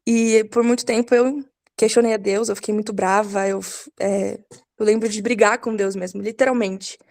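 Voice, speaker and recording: A woman's voice: medium pitch, steady tone, normal speed, creaky, a little mellow. A Brazilian woman in her thirties giving a personal testimony in an earnest, hesitant way. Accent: Brazilian Portuguese. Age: 30s. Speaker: participant.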